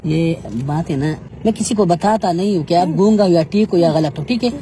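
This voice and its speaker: A man's voice: on the high side, normal speed, warm tone. Brief: man, wheedling street interviewer, traffic hum behind. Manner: pleading, wheedling, mock-tearful. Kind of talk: coaxing street confrontation.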